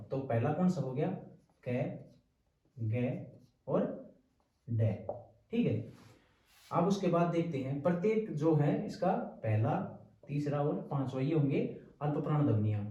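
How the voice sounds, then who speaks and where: A man teaching an exam-prep lecture, patient and repetitive, often pausing to check in with his listeners. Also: mid-range voice, mellow, highs cut off. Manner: patient, repeats terms and checks in with "ठीक है". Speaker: Hindi teacher. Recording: roomy, distant from the mic.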